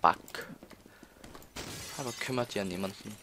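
Halting young guy gaming. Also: on the low side, background noise. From Austria. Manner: halting, repeats words, many fillers. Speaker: let's player. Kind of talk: casual gameplay commentary.

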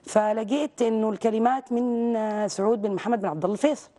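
A woman from Saudi Arabia speaks very fast, pressing her points hard in a televised interview. Her voice is mellow and dark in tone, and she talks with emphatic conviction. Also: a little high, steady tone. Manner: outspoken, rapid and emphatic. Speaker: guest, visual artist. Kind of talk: TV interview conversation.

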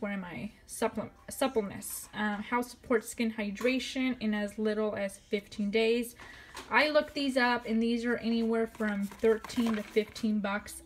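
A woman's voice: a little high, a little hiss or hum. A woman in her thirties chatting casually in a shopping haul video, rambling with many fillers. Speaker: vlogger. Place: indoors at home, counter of products.

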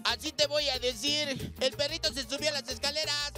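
A male comedian on a TV studio stage tells jokes in a very high, playful voice, breaking again and again into his catchphrase. Clear music plays behind him. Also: steady tone, fairly quick, pushed and bright. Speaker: stand-up comedian. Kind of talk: stand-up joke telling.

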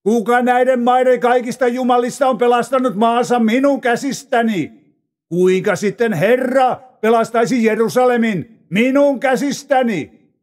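Boastful male envoy voiced by a man, high voice, slow drawn-out words, declamatory, dramatized scripture reading. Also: expressive. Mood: proclaiming. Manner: taunting, declamatory.

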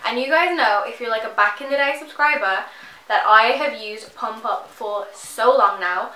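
A fitness vlogger in her twenties talks to the camera from her bedroom in a casual, chatty sponsored vlog, rambling enthusiastically and saying "like" a lot. Her slightly high voice has a sharp tone and a moderate pace, and the sound is roomy with poor audio quality.

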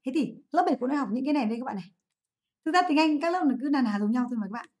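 A woman's voice: high-pitched, lively intonation, a little mellow. A woman English teacher from Vietnam, giving a livestream exam review, asking her students questions and answering them herself. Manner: drills English words by repeating them slowly.

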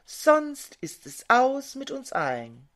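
A woman's voice: high voice, wildly swooping pitch, takes it slowly, voice pushed up, heavily acted. Woman voicing a stoic old hazel bush.

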